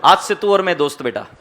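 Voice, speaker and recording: A man's voice: high-pitched, a bit bright. A man lecturing a class on accounting, teasing the students, asking them questions and mixing Hindi with English.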